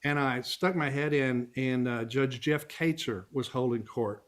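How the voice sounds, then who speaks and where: Middle-aged man from Texas, easygoing interview guest, mid-pitched voice. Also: unhurried. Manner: easygoing storyteller, chuckles while talking. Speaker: guest, family law attorney and actor. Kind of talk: casual interview conversation.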